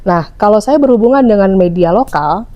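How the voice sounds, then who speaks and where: A woman's voice: mid-range voice, expressive, moderate pace, highs cut off. A young woman from West Java with a Sundanese accent, a hotel publicist explaining her work in a casual podcast interview, with many fillers. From West Java, Indonesia. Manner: chatty, explanatory, frequent fillers. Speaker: hotel public relations officer.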